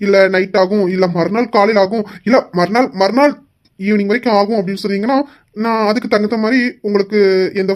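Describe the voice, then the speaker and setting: A woman's voice: mid-range voice, a little mellow, lightly acted. A woman voicing a young husband who teases his wife and insists on going along with her. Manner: mock-sweet teasing, drawn-out pleading. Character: young husband, teasing and stubborn.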